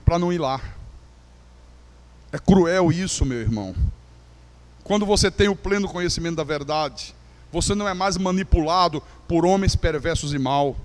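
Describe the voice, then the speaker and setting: A man preaching a sermon as pastor, acting out the quoted voices and swinging from hushed to loud. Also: fairly high pitch, animated, normal speed, pauses often. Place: church.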